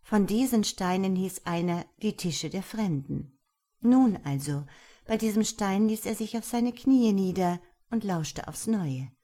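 A woman reads a fairy tale aloud, measured and expressive. Her pitch moves in a lively, wide melody as she tells the story. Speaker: narrator. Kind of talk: storybook reading.

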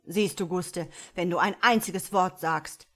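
Brief: huffy young clerk, fawning then easily riled, as a woman narrator voices him, loud. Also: fairly low pitch, unhurried. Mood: thundering. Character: young man, fussy, touchy clerk.

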